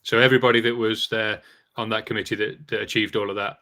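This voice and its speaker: Low-voiced man hosting a live Q&A. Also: level tone, quick pace, pushed and bright. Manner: conversational, reads viewer questions, lots of fillers. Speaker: host. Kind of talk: live Q&A show.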